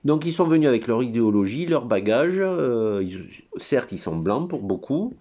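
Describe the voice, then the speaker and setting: A man's voice: mid-range voice, very animated, moderate pace, warm tone. A man giving a rambling, crude monologue at his computer, full of hesitations and digressions. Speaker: commentator.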